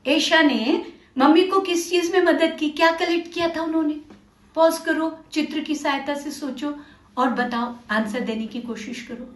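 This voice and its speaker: A woman teacher walks learners through a literacy lesson, slow and patient, repeating each word. Her voice sits high. The room around her echoes. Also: a bit bright. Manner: slow, patient, coaxing, repeats words and asks questions.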